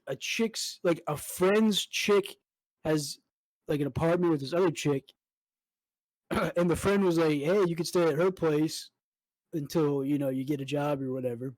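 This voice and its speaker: A young man in casual podcast chat, his voice sitting slightly high for a man. He rambles and swears freely, stringing his story together with "like" and "dude". The sound is close and dry, with no room around it. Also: a little mellow, no echo, low-quality recording. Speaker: podcast co-host. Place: home.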